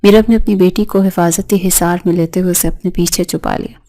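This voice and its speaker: A woman narrates a romantic novel in a steady, even reading. Her voice sits low and mellow. The delivery stays flat.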